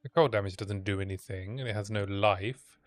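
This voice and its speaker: A man streaming a video game, thinking out loud to himself in casual commentary as he plays. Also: fairly low pitch, normal speed, dry recording. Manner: musing aloud to himself while playing.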